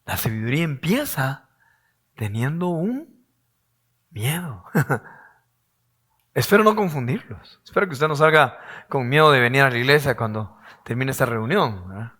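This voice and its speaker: A man preaching a sermon as pastor, his voice hoarse, asking rhetorical questions and acting out quoted voices. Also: medium pitch, animated, moderate pace, pauses often, pushed and bright.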